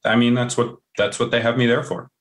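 A man's voice: medium pitch, little pitch movement, a little fast. A man talking as a podcast guest about business, passionate and emphatic, repeating phrases to drive his points home. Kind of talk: casual podcast conversation.

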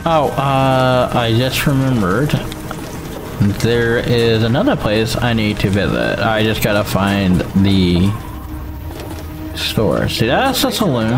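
A male gaming streamer joking his way through a playthrough. His pitch jumps around expressively while his pace stays unhurried. Game music plays behind him. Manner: animated, joking, swears freely. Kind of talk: casual let's-play commentary.

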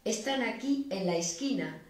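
A woman giving a steady public reading of news clippings and diary entries. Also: mid-range voice, moderate pace. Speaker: reader. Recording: echoey room, distant from mic.

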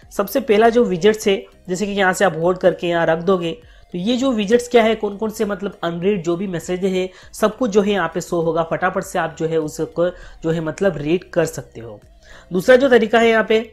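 A man hosting a casual tech tutorial, talking viewers through phone settings step by step with constant filler phrases. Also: fairly high pitch. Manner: chatty, leans heavily on fillers like "here" and "what is"; friendly, asks viewers directly for likes. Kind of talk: casual screen-recorded tutorial narration.

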